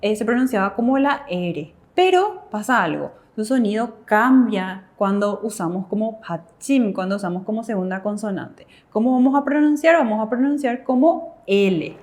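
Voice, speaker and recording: A woman's voice: mid-range voice, lively intonation, moderate pace, few pauses, a little mellow. Woman co-hosting a lesson. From Paraguay. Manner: clear, explanatory, reassuring. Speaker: co-host of a language lesson. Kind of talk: bilingual classroom lesson on TV.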